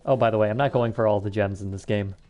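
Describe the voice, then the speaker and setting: Male gamer co-host, relaxed let's-play chatter, faint music bed. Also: fairly low pitch, fast, lo-fi sound. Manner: hums tunes and swears offhandedly while playing. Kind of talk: casual gameplay commentary. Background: faint game music.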